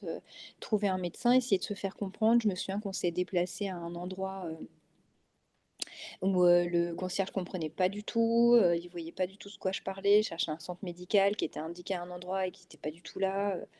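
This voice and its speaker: A mellow, lowish voice at a moderate pace belongs to a woman in her thirties with a northern French accent. She's a mother of three appearing as a guest in a relaxed interview, hesitant throughout with many fillers and restarts.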